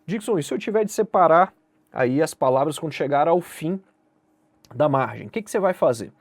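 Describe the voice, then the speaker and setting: A man's voice: fairly high pitch, expressive, a little fast, no room sound. A Brazilian man teaching an online exam-prep lesson, speaking directly to the viewer and asking and answering his own questions. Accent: Brazilian Portuguese. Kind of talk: online lesson explaining essay grading.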